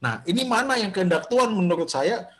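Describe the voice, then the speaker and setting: Over a video call microphone, a pastor leads a Bible study, addressing the group directly in a slightly high voice. He talks fast and loosely, with big pitch swings, fillers, and restarts.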